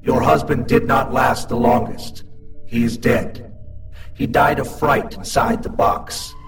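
A man voicing an eerie child monster that runs deadly games, speaking in slow, flat, commanding announcements. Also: mid-range voice, natural voice. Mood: cold, commanding. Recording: distant voice over clear music. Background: music.

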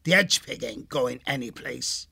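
A man voicing a gravelly, mocking pirate crewman. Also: mid-range voice, a little slow, pushed and bright, voice pushed up, full character voice. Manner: gruff sailor slang, mocking. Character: scruffy joking male pirate vermin crewman. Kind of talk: audiobook character voice.

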